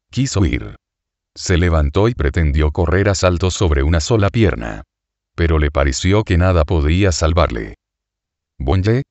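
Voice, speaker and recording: A man narrating a story for an audiobook in a steady, measured way. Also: low voice, no echo, lo-fi sound. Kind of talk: scripted narration.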